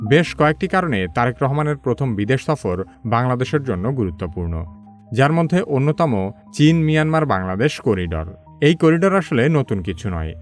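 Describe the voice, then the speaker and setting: A man narrating a scripted news explainer in a measured, even way, his sentences dropping low at the ends. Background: faint background music.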